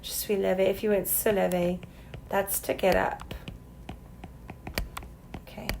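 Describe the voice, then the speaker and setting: A woman's voice: mid-range voice, little pitch movement, measured pace, vocal fry, a little mellow, a little hiss or hum, low-quality recording. Woman teacher walking through a French lesson. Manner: explains patiently, spells out letters, sounds out French example sentences. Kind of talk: recorded classroom lesson.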